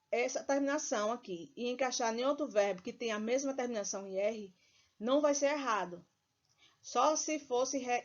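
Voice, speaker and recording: A woman teacher with a Brazilian Portuguese accent walks through verb conjugations at a measured, deliberate pace, pausing often to check that her class is following. Her voice sits fairly high. The recording is dull and lo-fi. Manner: slow, deliberate recitation of verb forms with frequent check-ins. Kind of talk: recorded grammar lesson.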